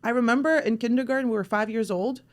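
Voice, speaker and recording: A woman from Russia chats on a casual podcast, her voice sitting a little high. She tells stories in an animated, chatty way and keeps restarting her sentences. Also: fast talker. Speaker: podcast host.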